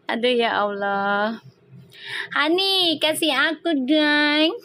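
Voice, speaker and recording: Chatty high-voiced woman live streaming. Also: takes it slowly, sharp tone. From Indonesia. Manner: chatty, laughs often, reads viewer comments aloud. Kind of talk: casual live stream chat.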